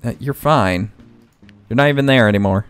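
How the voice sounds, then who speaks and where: A man's voice: medium pitch, normal speed, clear, resonant tone. A man hosting a let's play, casually thinking aloud and correcting himself as he plays, with faint game music underneath. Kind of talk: casual gameplay commentary.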